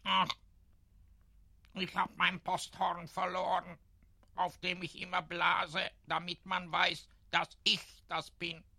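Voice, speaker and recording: A man voicing a fretful, scatterbrained male jay bird who carries the post, in a gravelly, excitable voice. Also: sits high, slow, voice pushed up, full character voice. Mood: mournful. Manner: sighing, excitable.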